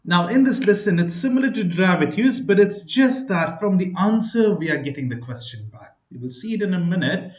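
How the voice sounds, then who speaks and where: A man with a fairly high voice teaches a math lesson, walking through each step. He keeps checking in with his listener as he goes. The sound is roomy, with a clear echo around him. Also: lively intonation, a little fast, hardly any pauses. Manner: talks through steps, asks the listener checking questions.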